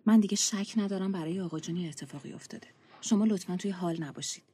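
A woman's voice: lowish voice, warm tone. A woman playing a caring mother who coaxes and soothes her family, in a comic radio play. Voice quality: husky, coaxing and affectionate. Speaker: mother in family audio drama.

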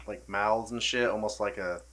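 A man's voice: on the low side, fairly even intonation, moderate pace, fairly bright tone. A man in a casual podcast chat, blunt and swearing freely while talking about a film.

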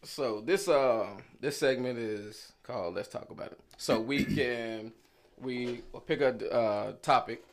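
A man co-hosting a late-night radio show. His voice sits in a middle range, and he explains things in an easygoing, casual way, often trailing off softly. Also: medium pitch, slow pace.

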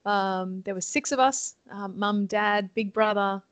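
A young adult woman from Sydney, a nun with an Australian accent, chats cheerfully as a guest in a casual interview, laughing often and saying um a lot. Her voice is mid-range and unhurried, with no echo.

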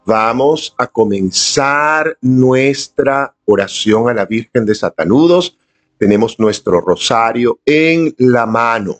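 A man's voice: medium pitch, expressive, takes it slowly, soft background music. A man leading a live-streamed devotional prayer, speaking earnestly and inviting his viewers to join in. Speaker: prayer leader. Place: indoors at home, filming on a camera.

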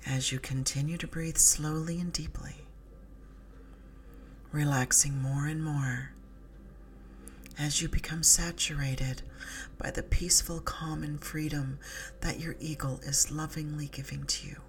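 A woman narrating a sleep story as a guided relaxation, in a soothing, hushed, breathy voice that often softens into a whisper. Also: low-pitched, steady tone, slight background noise. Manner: soothing, hushed, breathy delivery with soft whispery phrase endings. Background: slow music with drum beat.

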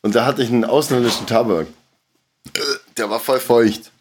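A man's voice: medium pitch, fairly even intonation, normal speed, a little mellow, breathy edge. A man, co-hosting a casual podcast, telling a story and laughing often. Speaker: podcast co-host.

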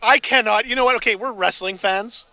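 A man co-hosting a casual movie review chat, excitable and swearing freely, rambling through restarts. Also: high-pitched, brisk, dry recording, highs cut off. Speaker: podcast co-host.

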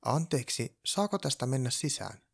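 A man's voice: mid-range voice, big pitch swings, creaky, fairly bright tone, breathy edge, voice pushed up, heavily acted. A man voicing a kind, bewildered elf who cares for cows, asking innocent questions. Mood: puzzled.

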